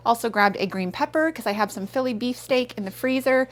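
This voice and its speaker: A woman's voice: a little high, a little fast. A woman in her thirties chatting casually through a grocery haul vlog, rambling with self-aware asides. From Canada. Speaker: vlogger.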